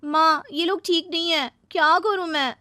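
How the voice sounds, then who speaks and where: A woman's voice: very high voice, fairly even intonation, normal speed, pushed and bright, no room sound, clean studio sound, voice pushed up. A woman voicing a restless, emotional young married woman in a cartoon story. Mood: distressed.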